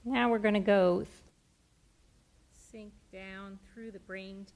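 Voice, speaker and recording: A middle-aged woman gently and softly explaining a hands-on therapy demonstration step by step on stage. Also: medium pitch, fairly even intonation, takes it slowly. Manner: gentle, soft-spoken. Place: on a stage in a theatre, indoors.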